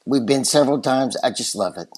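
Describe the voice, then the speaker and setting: A man's voice: medium pitch, a little fast, a little mellow. A man with a West Texas twang, chatting casually and enthusiastically as a podcast guest. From West Texas, USA. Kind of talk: casual chat.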